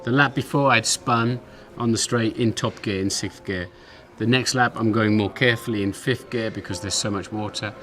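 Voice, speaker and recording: A former racing driver recalling a race in a matter-of-fact documentary interview. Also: male voice, on the low side, steady tone, a little slow, fairly bright tone, soft background music.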